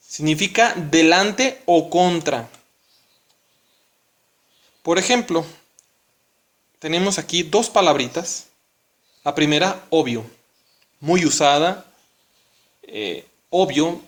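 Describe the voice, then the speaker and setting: A man's voice: fairly high pitch, a bit bright. Patient male teacher. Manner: patient, explaining step by step with frequent checks like "¿sí?". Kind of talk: recorded classroom lesson.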